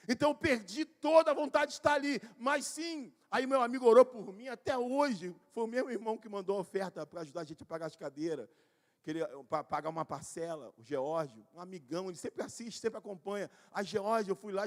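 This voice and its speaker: A male pastor with a rather high voice, preaching live to his church. He tells his stories conversationally, addressing people by name, and pushes into shouted emphasis at key points. His voice rings with the long reverb of a church hall. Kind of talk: live church sermon, personal storytelling.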